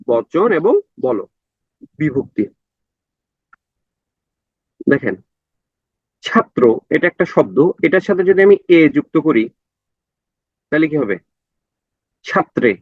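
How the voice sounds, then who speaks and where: A man's voice: on the high side, no echo. A man teaching an exam prep class, repeating points and asking the students whether they follow. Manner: repetitive, asks checking questions. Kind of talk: lecture to an online class. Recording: dull, dry lo-fi recording.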